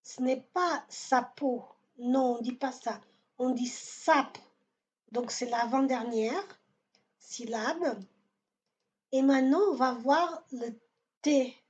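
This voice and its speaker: Slow-spoken teacher. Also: female voice, high-pitched, lo-fi sound. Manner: slow, careful, repeats words for pronunciation. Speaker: Portuguese teacher. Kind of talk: language lesson.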